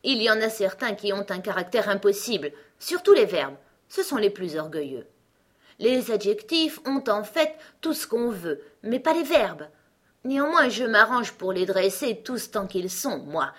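A woman voicing a pompous, touchy male egg who lectures in a scornful, lofty way, with a husky voice. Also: mid-range voice, sing-song, unhurried, a bit bright, voice pushed up. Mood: boastful. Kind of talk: storybook reading.

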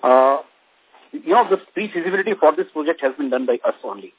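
A man with an Indian English accent, a company executive answering analysts on a conference call, speaking haltingly with many pauses. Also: a little high, expressive, breathy edge. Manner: halting, many fillers and restarts. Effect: conference call phone line. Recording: dry, tinny phone-line audio.

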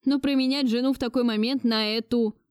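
A domineering elderly grandmother, imperious and shrill, acted by a woman reading an audiobook. Her voice sits high and cutting, recorded dry and close with no room around it. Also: steady tone, a little fast, a little mellow, clear, resonant tone, dry recording, lightly acted.

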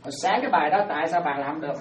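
A woman Buddhist teacher giving an animated dharma talk to lay followers, often checking that they follow. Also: sits low, rapid-fire, slight background noise. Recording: roomy, distant, dull lo-fi sound.

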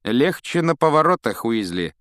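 A man voicing an arrogant schoolboy bully who taunts and mocks loudly, in an audiobook. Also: mid-range voice, big pitch swings, normal speed, dry recording, clean studio sound, voice pushed up. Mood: sneering. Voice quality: sneering, taunting. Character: sneering arrogant schoolboy bully, loud and mocking. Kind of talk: audiobook character voice.

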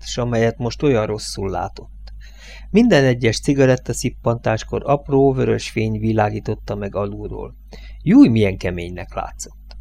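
A man narrating a novel as an audiobook, reading in a measured, steady way. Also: mid-range voice, gravelly. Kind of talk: scripted narration.

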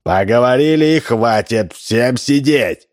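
A man's voice: medium pitch, animated, unhurried, darkish tone. A man reading an audiobook, voicing a commanding male city boss who bellows through a megaphone.

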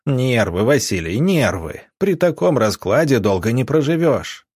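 A man voicing a cold, mocking male swindler who taunts his captors in a husky voice. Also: mid-range voice, sing-song, a little slow, darkish tone, dry recording, clean studio sound. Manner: sneering, taunting.

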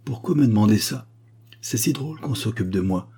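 Man reading shy young workman, lonely, stammering, awestruck, low voice, husky. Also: lively intonation, moderate pace, mellow. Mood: wondering. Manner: stammering, wondering.

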